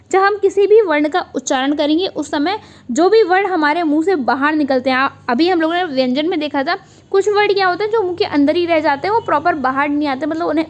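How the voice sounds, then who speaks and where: A young woman teaching an online exam-prep class, mixing English words into Hindi and repeating key points as questions she then answers herself. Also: high voice. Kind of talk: online lecture.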